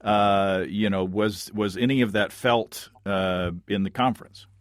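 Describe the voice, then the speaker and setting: A man hosting a casual podcast interview, phrasing things in a halting, reworded way. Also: on the low side, fairly even intonation, no room sound. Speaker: podcast host.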